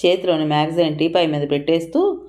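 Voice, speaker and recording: A woman narrating an audio story in an expressive manner, lifting her voice for quoted speech. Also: sits low, fast talker.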